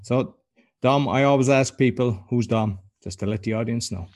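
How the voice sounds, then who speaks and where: A man hosting a podcast, asking casual, halting questions. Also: mid-range voice, a little mellow. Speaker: podcast host. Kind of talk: podcast interview.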